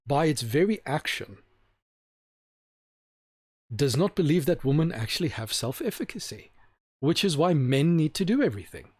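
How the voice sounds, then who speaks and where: A man's voice: a little high, sing-song, normal speed, pauses often, a little mellow, slightly rough, no room sound, studio quality. A man giving an opinionated monologue to camera, rambling with restarts and asking rhetorical questions. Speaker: video host. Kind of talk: opinionated talking-head monologue.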